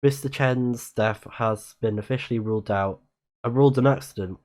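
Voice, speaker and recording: A channel host livestreams a casual let's-play, commenting in a mid-range, somewhat dark voice at a moderate pace. He frequently reads in-game text aloud and corrects himself whenever he trips over words.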